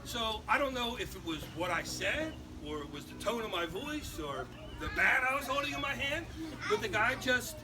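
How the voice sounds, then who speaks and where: Animated man telling a live comic story. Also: very high-pitched, normal speed. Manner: animated, boisterous, punchline-driven. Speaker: storyteller, father. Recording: far mic, loud crowd and noise, live event.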